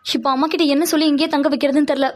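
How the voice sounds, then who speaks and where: A woman's voice: high voice, steady tone, rapid-fire, a little mellow, close to an everyday voice. A woman doing a polite young cartoon woman. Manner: polite, eager to help.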